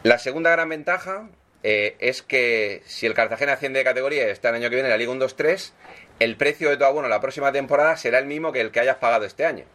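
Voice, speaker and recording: A man's voice: mid-range voice, fast, pushed and bright. A man speaking as a football club executive at a press conference, explaining deals and signings and ending his points with tag questions.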